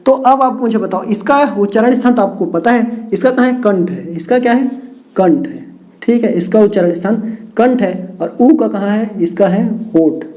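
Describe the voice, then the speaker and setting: A man teaches a grammar lesson at a board. His voice is mellow and dark, and he keeps repeating points, asking questions and then answering them himself. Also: high voice, moderate pace. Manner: repetitive, asks and answers own questions. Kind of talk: whiteboard lecture with mnemonics.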